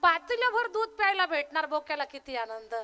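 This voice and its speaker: A young woman from Maharashtra, a kirtankar, telling a story in a lively, humorous way during a devotional sermon. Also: extremely high pitch, fairly quick, music in the background.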